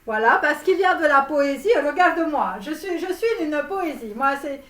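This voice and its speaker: A woman's voice: high voice, animated, normal speed, distant mic. A woman voicing a brash Romanian-American guru coach with a put-on Romanian accent, who talks in a rambling, theatrical way during a comic tarot reading. She is recorded in a roomy space away from the mic. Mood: over-the-top. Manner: rambling, theatrical, self-promoting. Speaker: tarot reader and love coach.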